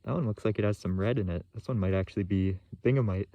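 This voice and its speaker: Talking fast in a warm, low voice, a young man narrates his rock hunting for a vlog in a relaxed, plain way. He films on a phone at arm's length around a yard and rock field or from a parked van, and there's no room sound.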